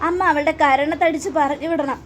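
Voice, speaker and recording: A woman's voice: high-pitched, fairly even intonation, fairly quick, a bit bright, slight background noise. A woman voicing an arrogant, hot-tempered young woman who talks scornfully and makes threats.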